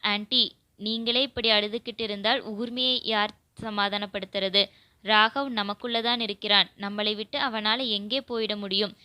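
A woman voicing a soft-spoken young man coaxing grieving women. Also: medium pitch, fairly even intonation, moderate pace, clean tone, no echo, natural voice.

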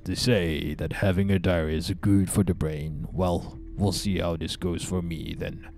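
Man voicing an old grandmother's diary for a game stream, very low storytelling voice, noisy mic. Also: steady tone, a little slow, creaky, darkish tone. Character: elderly grandmother reading out her diary.

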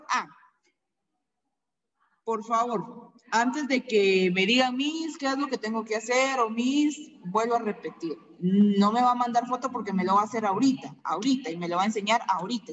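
A woman teacher giving an online class, saying each word slowly and repeating it for her pupils. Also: on the high side, in a large hall, lo-fi sound.

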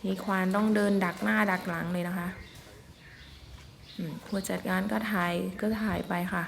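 A woman's voice: mid-range voice, steady tone, moderate pace, creaky, a little hiss or hum. A woman chatting politely and casually as she narrates an outdoor vlog in the forest. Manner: chatty, polite, with frequent soft particles. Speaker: vlogger filming elephants.

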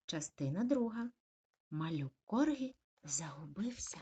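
A woman narrating a bedtime story with an expressive, softly animated reading. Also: on the low side, measured pace, husky.

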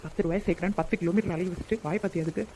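A woman voicing a sharp-tongued upstairs neighbor in a cartoon comedy, who grumbles and mutters complaints to herself. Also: lowish voice, steady tone, very fast, a little hiss or hum, lightly acted. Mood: grumbling.

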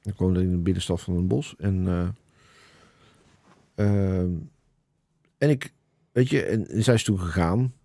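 A man hosts a podcast in relaxed conversation. His low voice has a gravelly fry and a mellow tone, and he tells his story haltingly, searching for words. The recording is close and dry. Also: no echo. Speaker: podcast host. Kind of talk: casual chat.

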